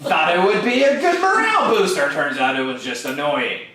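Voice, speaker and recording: Guy grumbling sarcastically at a tabletop game, high voice, far off mic with some hiss. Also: sing-song, moderate pace, bright, forceful tone. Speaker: player. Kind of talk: tabletop role-play. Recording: echoey room, from far off, with noise.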